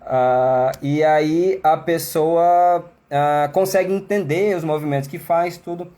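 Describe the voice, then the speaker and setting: A man's voice: on the high side, takes it slowly, dark tone. A man teaching English in a live online class, speaking Portuguese with a Brazilian accent, chatty and explanatory, often checking in with his listeners. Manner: chatty, explanatory, many tag questions.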